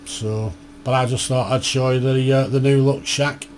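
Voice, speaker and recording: A man's voice: mid-range voice, fairly even intonation, normal speed, darkish tone, a little hiss or hum. Tired, chatty man. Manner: chatty, rambling, blunt slang. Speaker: ham radio vlogger. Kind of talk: casual chat to camera. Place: home radio shack.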